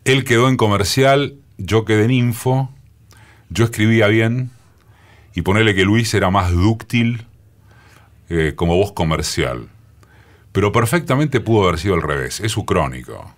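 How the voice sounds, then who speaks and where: A man in his sixties with a Rioplatense accent and a booming, forceful deep voice, telling his story in a radio studio interview with many pauses. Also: animated. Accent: Rioplatense Spanish. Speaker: radio journalist guest. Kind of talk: reminiscing interview talk.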